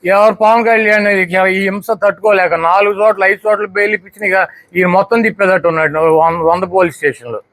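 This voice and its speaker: A man's voice: sits high, fairly even intonation, brisk, a bit bright, dry recording. A man giving a combative statement to the press, firing off repeated rhetorical questions. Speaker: politician speaking to the press.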